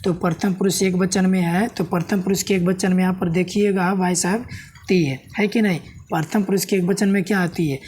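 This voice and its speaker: A man's voice: sits high, steady tone, moderate pace, darkish tone, a little hiss or hum. Man teaching grammar, quizzing viewers. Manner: explains step by step, keeps asking "है ना?" and quizzing the viewer. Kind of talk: classroom-style video lesson.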